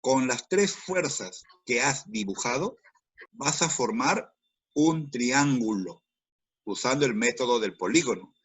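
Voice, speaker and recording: A male physics teacher talks his students through a problem one step at a time. His voice has a slightly husky edge and sits in an ordinary middle pitch. He repeats key words and speaks straight to the class. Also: expressive, slow pace. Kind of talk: online class lesson.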